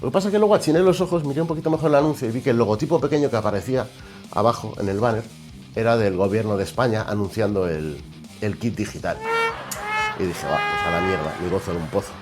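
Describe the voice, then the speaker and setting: A man with a Spanish accent from Spain, hosting a show with an exaggerated comic monologue and mock shouting asides. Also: fairly low pitch, fast, soft background music. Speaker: host.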